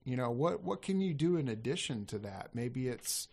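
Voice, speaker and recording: A man's voice: medium pitch, lively intonation, moderate pace, gravelly, darkish tone. A man talking casually on a podcast as a sales coach, rambling and correcting himself as he goes. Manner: rambling, self-correcting, laughs easily.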